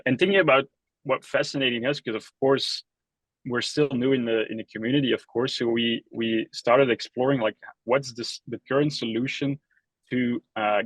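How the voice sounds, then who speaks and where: A man's voice: mid-range voice, fairly even intonation, normal speed, a bit bright, dry recording, rough recording. A young man from Belgium, a company co-founder, giving a webinar presentation in a casual way with many fillers and restarts.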